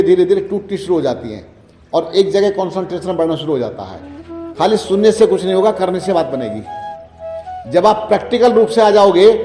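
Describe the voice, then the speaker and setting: A man with a high, mellow voice lectures a listener on health and meditation in a preachy manner, repeating phrases and posing rhetorical questions. The room gives a long, echoing reverb, and faint music plays underneath.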